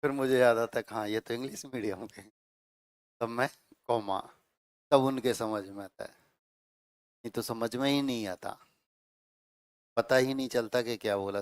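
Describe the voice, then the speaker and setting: A man's voice: medium pitch, clear, resonant tone, dry recording, studio quality. Man teaching Hindi grammar in class. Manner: explains slowly with repeated phrases and checks like 'theek hai'. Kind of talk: classroom lecture.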